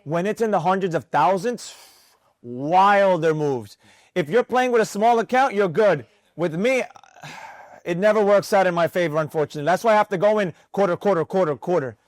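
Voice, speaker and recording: High voiced guy teaching a trading class, keeps asking the room stuff, dry sound. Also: moderate pace, dry recording. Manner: animated, questioning the room. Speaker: trading instructor.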